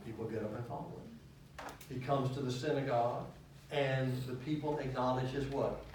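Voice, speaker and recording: A man leading a church Bible study, animated and asking his listeners questions as he teaches. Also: mid-range voice, moderate pace, slight background noise. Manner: animated, asks questions of the class. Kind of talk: teaching sermon. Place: church hall. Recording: echoey hall, mic at a distance.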